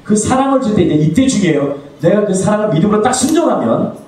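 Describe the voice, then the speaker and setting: A man's voice: very animated, fast. Echoey preaching pastor, man. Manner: asks the congregation questions and answers them; swings between soft low asides and raised exclamations. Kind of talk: sermon. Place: church sanctuary. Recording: echoey, from far off the mic.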